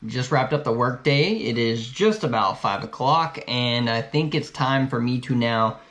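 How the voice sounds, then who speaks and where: A man's voice: medium pitch, lively intonation, a little slow, a bit bright. Easygoing man chatting in a roomy house. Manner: chatty, easygoing, talks while eating. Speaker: cycling vlogger. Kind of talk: casual vlog to camera. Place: home, kitchen and couch.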